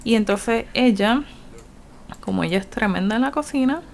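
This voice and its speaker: A woman's voice: a little high, animated, moderate pace, creaky, slight background noise. A woman with a Puerto Rican Spanish accent giving casual, chatty gameplay commentary, laughing often and voicing her game characters. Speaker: gaming YouTuber.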